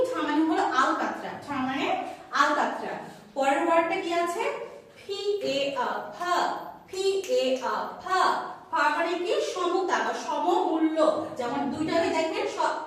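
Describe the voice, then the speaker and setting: A woman teacher giving a children's phonics lesson, patiently repeating sounds and asking and answering her own questions. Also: very high-pitched. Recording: very echoey room, voice far from mic.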